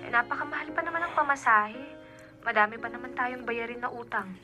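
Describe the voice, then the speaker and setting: A woman's voice: fairly high pitch, a little fast, close to an everyday voice. A woman playing a weary, apologetic wife and mother working overseas in a radio drama, reassuring and evasive in manner. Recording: background music under the voice.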